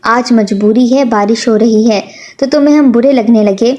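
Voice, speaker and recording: A woman's voice: on the high side, fairly even intonation, darkish tone, close to an everyday voice. A woman voicing a hardworking poor mother who speaks in a reproachful way. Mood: scolding.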